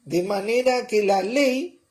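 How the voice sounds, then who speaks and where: A man preaching a sermon in a slow, explanatory way, often checking on his listeners with a quick "¿eh?" or "¿mm?". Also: high-pitched, a little mellow.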